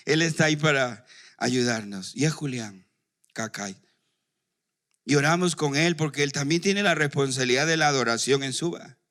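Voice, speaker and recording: Forceful pastor preaching. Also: male voice, fairly high pitch. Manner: asks the congregation questions and leaves them to fill in the answers. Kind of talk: sermon.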